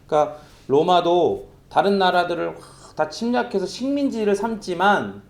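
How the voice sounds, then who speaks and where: A middle-aged pastor with a high, slightly mellow voice preaches a sermon conversationally, telling stories and imitating sounds vividly.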